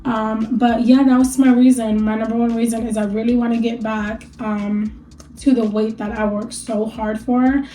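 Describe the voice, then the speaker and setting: A young adult woman talking casually to her viewers in a mellow, slightly high voice. She is candid and encouraging, chats openly, and sounds a little stuffy from allergies. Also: flat delivery, normal speed, low-quality recording. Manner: chatty, candid and encouraging, laughs often. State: allergies, a bit stuffy after a rough night. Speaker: vlogger sharing a weight loss journey. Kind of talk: casual talk to camera.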